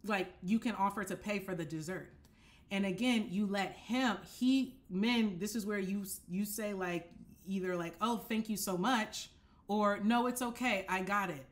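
A young woman hosting a casual dating-advice talk from her apartment, speaking straight to the camera, animated and direct, often checking that listeners follow. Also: mid-range voice, a little slow. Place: apartment living room, indoors.

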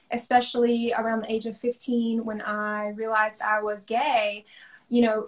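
A young woman from the American South, an artist talking thoughtfully about her work over a video call, with frequent ums. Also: a little high. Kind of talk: casual conversation on a livestream.

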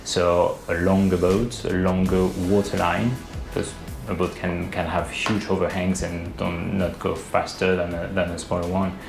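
Speaking unhurriedly in a low, flat voice with vocal fry, this thirties-aged boat designer is interviewed over a video call, with music playing in the background. He explains things hesitantly, full of fillers and restarts. The recording is roomy webcam audio from an indoor room, with faint hiss.

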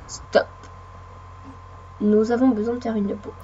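A woman with a hoarse voice from a cold, sniffling while chatting and rambling through casual gameplay commentary, talking to the game and her viewers. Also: a little high, measured pace, darkish tone, highs cut off, slight background noise. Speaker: let's play gamer.

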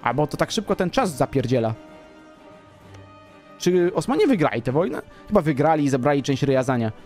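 A man's voice: a little high, animated, fairly quick, a little mellow, soft background music. A man commenting casually on his own strategy game play, boastful and playful, talking straight to his viewers. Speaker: gaming commentator.

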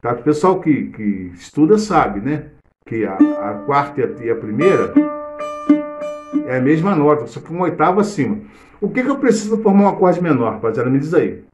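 A man's voice: medium pitch, big pitch swings, moderate pace, soft background music. A middle-aged man with a Brazilian Portuguese accent, teaching cavaquinho in a casual live lesson, explaining theory while he plays. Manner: chatty, explains theory while playing, hums and sings snippets. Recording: echoey room with loud cavaquinho playing.

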